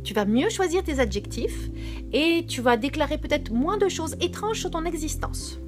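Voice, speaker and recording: A woman with a Quebec French accent giving a casual, animated sermon, reading and answering viewers' comments as she goes. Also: normal speed, over music. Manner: animated, switching to soft low tones for scripture. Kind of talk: informal live-stream sermon.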